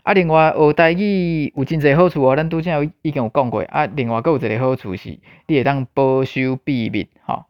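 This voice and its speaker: A man from Taiwan giving a casual spoken language lesson, unhurried and repeating his points, often ending lines with a tag particle. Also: medium pitch, dry recording. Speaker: language teacher. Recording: dull lo-fi dry recording.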